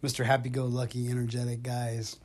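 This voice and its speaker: A man's voice: mid-range voice, monotone, fast, a little mellow. A middle-aged man telling rambling, profane stories to his son in casual chat, recorded on a phone at home. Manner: profane, rambling, laughs often. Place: home in North Georgia. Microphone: iPhone.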